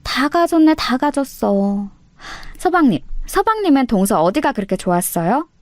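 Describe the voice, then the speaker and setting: A snobbish middle-aged sister-in-law with a high, sneering, sarcastic voice, put on by a woman storyteller. She sounds dry and up close, as in a storybook reading. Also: very animated, normal speed, no room sound.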